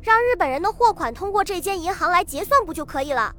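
A woman reading the lines of a calm, decisive middle-aged male official in a novel, speaking firmly and evenly. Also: very high-pitched, fast.

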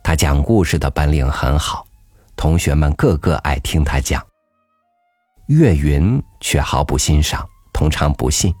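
A man reading a story aloud in a calm, measured storytelling voice. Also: extremely low pitch, dry recording. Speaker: audiobook narrator. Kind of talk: scripted storybook narration. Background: soft background music.

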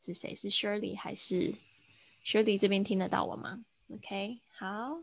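Gravelly-voiced woman teaching English online. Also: mid-range voice, fairly even intonation, measured pace, dry recording. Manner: patient, coaching pronunciation with laughs. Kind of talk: online live English lesson. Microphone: computer mic on a video call.

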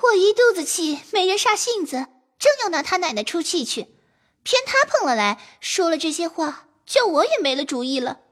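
A woman's voice: very high voice, sing-song, moderate pace, a bit bright, full character voice. A woman voicing a proud, shrewd young noblewoman who mocks the servants coldly and gives firm orders in an audio drama. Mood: commanding. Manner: cold, mocking, commanding.

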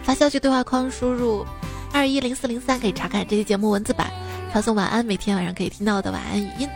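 Woman host reading jokes, teasing, kinda high voice, soft music behind. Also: quick pace. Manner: teasing, jumps to high excited tones on punchlines. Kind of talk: reading jokes on a comedy podcast.

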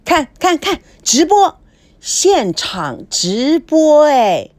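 A woman voicing a loud, nosy middle-aged woman who scolds and bursts out dramatically in a story reading. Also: high voice, very animated, a little slow, full character voice. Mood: excited. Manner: brash and scolding, dramatic outbursts.

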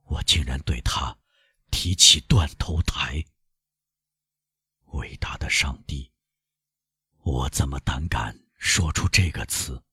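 A man's voice: deep voice, very animated, a little slow, a bit bright, slightly rough, no room sound, studio quality, full character voice. A man voicing an anguished, guilt-ridden middle-aged male prosecutor in an audiobook, with frantic, self-accusing outbursts. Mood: tormented. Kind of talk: audiobook character voice.

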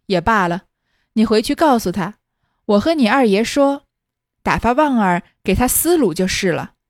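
A woman voicing a sharp-tongued young noblewoman who runs a household, speaking briskly and with command. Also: mid-range voice, expressive, dry recording, clean studio sound, close to an everyday voice. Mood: exclaiming. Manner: brisk, quick-witted, commanding.

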